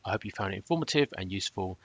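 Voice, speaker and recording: A man with a fairly low voice reads a scripted review close to the mic. His delivery is measured and matter-of-fact, with a cautionary edge. The sound is dry, with no room around it. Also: animated, a bit bright, no room sound. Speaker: trading robot reviewer.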